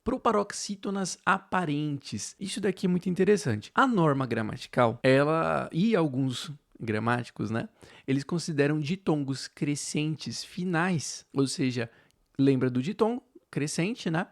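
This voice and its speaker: A Brazilian man teaching an online grammar lesson, his voice sitting a little high with a gravelly, creaky edge. He explains step by step and keeps checking in with quick tag questions. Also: lively intonation. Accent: Brazilian Portuguese. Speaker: exam-prep teacher.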